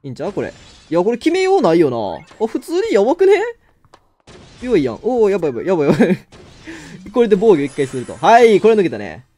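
A man with a Kansai accent giving excitable live commentary on his own game, exclaiming and laughing often. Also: high voice, rapid-fire. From Kansai, Japan. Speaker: game streamer.

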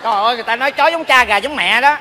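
A sly meddler, fast high voice, echoey stage. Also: male voice, noisy background. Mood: wheedling. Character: scheming male meddler eyeing the inheritance. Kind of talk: live stage comedy sketch. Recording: stage hall with reverb.

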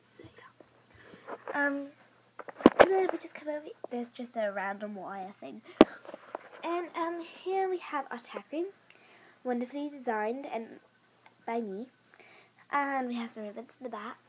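A woman's voice: on the high side, lively intonation, a little slow, pauses often, heavy background noise. A female speaker giving a casual tour of a toy horse barn, rambling with many ums and whispered asides, filmed on a handheld phone in a bedroom. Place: bedroom with toy stable, indoors. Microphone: handheld phone camera.

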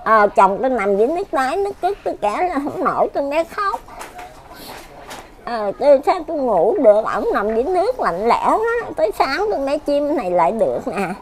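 A woman's voice: high-pitched, very animated, fairly quick, crowd noise. Rambling older Southern Vietnamese woman. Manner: rambling, repetitive complaining. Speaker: elderly widow being interviewed. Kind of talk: casual chat.

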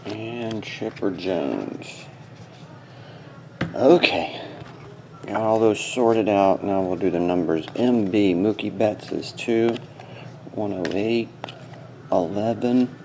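With background noise around him, a sports card break host sits at a small indoor desk, muttering clipped fragments as he goes through cards. His voice is fairly low, slow and often pausing, and his commentary stays casual and terse.

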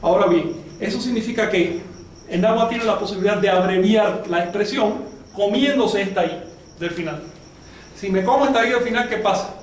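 Man, teacher, high voice, patient explaining, quizzes students, far from mic, very echoey room. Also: normal speed, a little hiss or hum. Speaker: language teacher. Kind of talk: classroom lesson.

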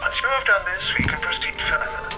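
A man voicing a formal, self-serving male spiritualist, heard as an old wax cylinder phonograph recording and giving slow, formal instructions. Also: high voice, animated, loud music behind the voice. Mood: solemn. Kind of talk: game voice acting.

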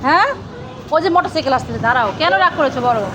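A woman's voice: high voice, lively intonation, very fast. A woman filming a casual family vlog, chatting with children and playfully scolding them outdoors by a street. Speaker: vlogger filming her children. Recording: noisy street with crowd.

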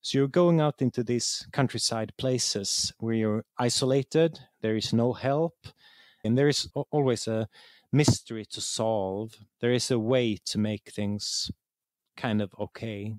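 A game writer with a Swedish accent speaks as an interview guest, explaining things conversationally at a medium pitch and an unhurried pace. He repeats words while hunting for the right phrasing. The recording is dry.

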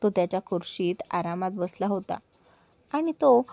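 A woman's voice: fairly low pitch, lively intonation, moderate pace, creaky, mellow, no room sound. A woman narrating a romance story in a conversational storytelling style, with small hesitations.

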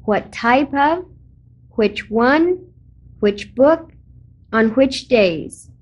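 Female teacher voice for learner drills, very slow and high, dull lo-fi tape. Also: animated. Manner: slow, deliberate drill reading. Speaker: American English teacher. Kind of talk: reading a word list aloud for learners.

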